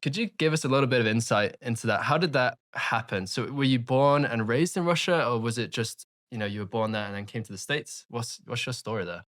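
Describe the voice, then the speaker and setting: A man's voice: medium pitch, a little fast, hardly any pauses, fairly bright tone. A man hosting a podcast interview, introducing his guest eagerly with many fillers. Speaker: podcast host.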